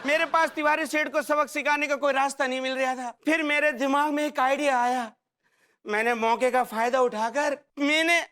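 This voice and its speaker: An actor playing a humble servant who talks in a loud, dramatic, begging way in a TV sitcom. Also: male voice, clean tone. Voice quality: high, bright voice. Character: humble male servant, theatrical and pleading. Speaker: servant pleading for forgiveness. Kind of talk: sitcom acting.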